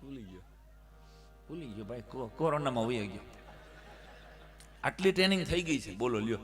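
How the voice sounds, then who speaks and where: A man telling comic stories live, acting out the people in his tales with sudden shouts and bits of broken English. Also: mid-range voice, moderate pace, over music. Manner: animated, acts out characters with sudden loud shouts and broken English. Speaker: stand-up comic storyteller. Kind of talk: live folk comedy storytelling.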